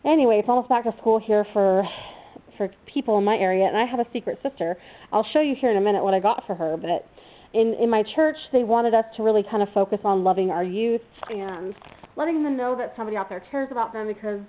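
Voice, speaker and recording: A woman's voice: medium pitch, quick pace. A woman from California chatting casually in a vlog, rambling with lots of fillers and breaking off to talk to her puppy. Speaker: vlogger. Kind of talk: casual chat. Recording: tinny phone-like sound.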